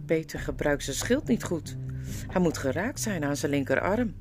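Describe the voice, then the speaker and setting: A woman's voice: low voice, lively intonation, normal speed, music in the background. A woman voicing an eager, tense young boy watching a sword fight in a storybook. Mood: worried.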